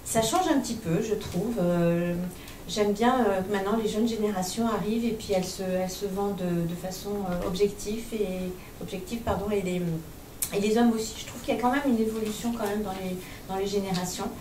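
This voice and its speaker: A woman company founder speaks on a panel, measured and hesitant, with many fillers. Her voice is mid-pitched. She is heard at a distance in an echoey room. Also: steady tone, a little mellow. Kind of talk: panel discussion. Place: conference room. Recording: echoey room, distant mic, faint noise.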